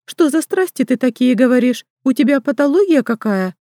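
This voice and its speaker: A woman's voice: high-pitched, lively intonation, fairly quick, mellow, no room sound, clean studio sound, pitched above the performer's own voice. A woman voicing an older village midwife, kind and fussy, with doting folksy exclamations. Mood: alarmed.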